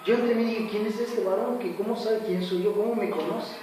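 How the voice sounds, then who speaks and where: Speaking a little fast in a high-pitched, mellow voice with a steady tone, a man delivers a spoken church testimony. He retells his story earnestly and dramatically, voicing the characters himself, while the very echoey, distant recording picks up faint music.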